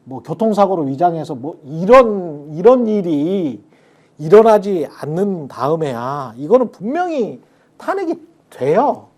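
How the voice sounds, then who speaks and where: A man's voice: sits high, very animated, measured pace, darkish tone. A man on a political talk show, giving his views emphatically and drifting into blunt casual speech.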